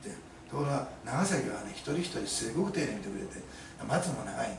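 A man's voice: medium pitch, sing-song, fast, vocal fry, background noise. A male pastor preaching a sermon to his congregation, emphatic and fond of rhetorical questions, recorded in an echoey church hall from a distance. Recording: echoey room, mic at a distance.

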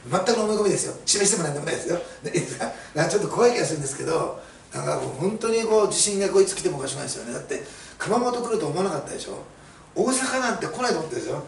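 A man's voice: a little high, lively intonation, racing, creaky. A middle-aged man preaching a sermon as a pastor, telling stories chattily with many fillers. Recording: roomy, mic at a distance, faint hiss.

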